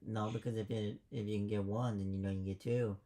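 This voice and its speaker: A man's voice: on the low side, little pitch movement, quick pace, dark tone. A man acting as game master, casually narrating and explaining a tabletop game.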